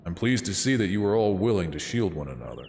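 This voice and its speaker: A man voicing a stern older mercenary commander and father who gives grave, measured orders. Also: sits low, big pitch swings, vocal fry, darkish tone, long reverb tail, slight background noise, heavily acted.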